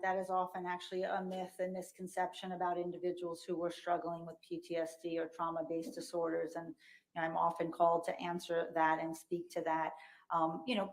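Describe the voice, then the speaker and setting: A woman giving expert testimony as a psychologist, explaining in measured, clinical terms, heard through a courtroom recording. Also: on the low side, low-quality recording. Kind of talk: courtroom testimony under questioning.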